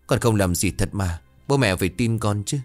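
A man's voice: fairly low pitch, expressive, normal speed, faint music behind, natural voice. A man doing a pleading tearful young man.

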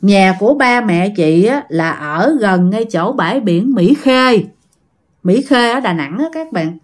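A woman's voice: mid-range voice, animated, unhurried. A woman telling listener-sent ghost stories as a channel host, chatty and often talking straight to her audience. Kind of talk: told ghost story narration.

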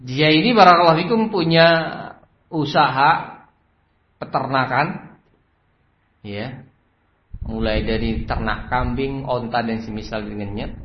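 A man's voice: mid-range voice, a little slow, pauses often. A man, preaching a sermon as a story, who keeps repeating a set blessing phrase. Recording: roomy, slightly dull recording with faint noise.

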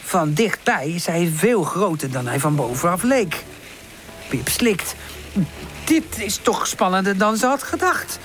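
A woman narrating a children's storybook in a calm, gentle reading voice. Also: lowish voice, measured pace, faint music behind. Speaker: audiobook narrator.

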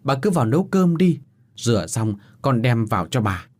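A young servant girl from a spoken story, clever and fond of gossip, voiced by a male narrator. She talks in a hushed, confiding way, in a husky voice with lively pitch. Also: moderate pace.

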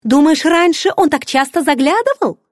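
A woman's voice: high voice, lively intonation, moderate pace, no room sound, clean studio sound, pitched above the performer's own voice. Nosy pregnant friend, as a woman puts her on. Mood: teasing. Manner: teasing, bubbly, pushy questions.

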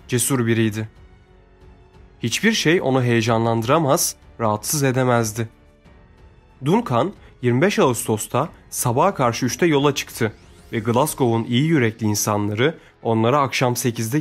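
A man narrating an adventure audiobook in a steady, measured storytelling voice. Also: mid-range voice.

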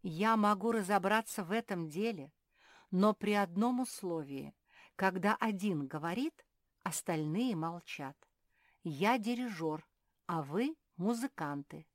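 A woman's voice: mid-range voice, expressive, a little slow, no room sound, studio quality, pitched above the performer's own voice, close to an everyday voice. A woman voicing a wise, patient female owl who explains and sighs, in a storybook reading.

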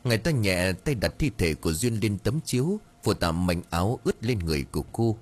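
A man's voice: on the low side, very animated, a little fast, a little hiss or hum. A man narrating a dramatic audiobook story.

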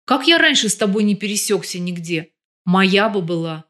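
Woman doing a dumb rough thug guy in an audiobook, blunt talker. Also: mid-range voice, expressive, normal speed, a bit bright, lightly acted. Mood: gruff. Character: crude, dim young male thug.

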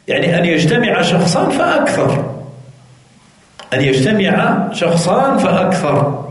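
رجل بلكنة جزائرية يشرح كتابا فقهيا لطلابه، يكرر العبارات ويطرح عليهم الأسئلة ويتردد كثيرا. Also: male voice, high voice. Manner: repeats key phrases, asks the class questions, many hesitations. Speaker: Islamic jurisprudence teacher. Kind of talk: lecture explaining a classical text. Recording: very echoey room.

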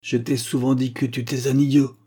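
A man voicing a pompous, educated young man who lectures his companion and is quick to take offense. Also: medium pitch, mellow, husky, close to an everyday voice. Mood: indignant. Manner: lecturing, indignant.

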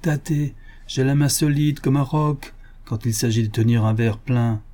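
A man's voice: mid-range voice, unhurried, dark tone, close to an everyday voice. A man reading aloud voices a dying, hard-drinking old baronet who keeps insisting and commanding, rising to angry outbursts. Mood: boastful.

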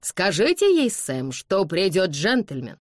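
A woman's voice: on the low side, big pitch swings, slow pace, no room sound, clean studio sound, voice pushed up, heavily acted. A woman voicing a middle-aged male colonel who speaks eagerly and persuasively in an audiobook.

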